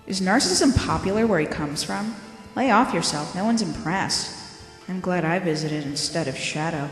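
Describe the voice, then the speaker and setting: A woman's voice: fairly low pitch, normal speed, roomy sound, long reverb tail, soft background music, close to an everyday voice. A woman playing a sassy, cynical bat spy in a scripted audio drama, with a sarcastic, sardonic way of talking. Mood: irritated, mocking.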